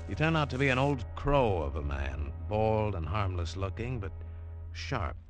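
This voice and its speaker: This old radio broadcast, with music beneath it, features a 1950s drama whose male actor narrates and stars as a tough adventurer recounting his story tersely and wryly. His voice is lowish and sing-song, a little slow.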